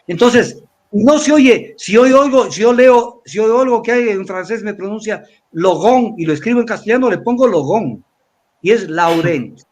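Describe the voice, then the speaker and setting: Lecturing older man with a high voice. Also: animated, moderate pace, a little mellow. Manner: lecturing, repeats words, spells letters out. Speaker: commentator. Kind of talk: weekly analysis talk.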